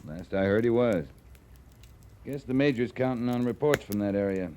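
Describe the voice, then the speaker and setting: For an old-time radio western, a male actor with an American accent plays a gruff, steady frontier cavalry captain, terse, dry, and commanding. His mid-range voice moves at normal speed and stays close to an everyday voice, with a little hiss or hum on the recording.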